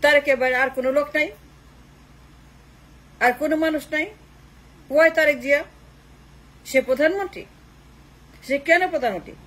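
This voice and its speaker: A woman delivers a fierce political monologue in a high voice. She repeats her points again and again for emphasis, sliding between Bengali and English. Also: normal speed, long pauses, a bit bright, rough recording. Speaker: political commentator.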